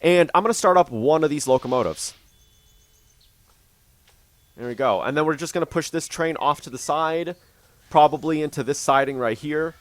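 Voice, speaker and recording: A man's voice: fairly high pitch, normal speed, long pauses, no echo. A man hosting casual gameplay commentary on a train simulator, chatting, thinking aloud and talking to his train while he has the hiccups. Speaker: gaming channel host.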